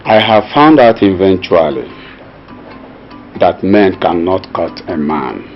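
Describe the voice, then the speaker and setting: A man's voice: sits low, expressive, slow pace, heavily acted. A man playing a repentant older man who apologizes earnestly, speaking in proverbs. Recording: dull lo-fi film audio with music.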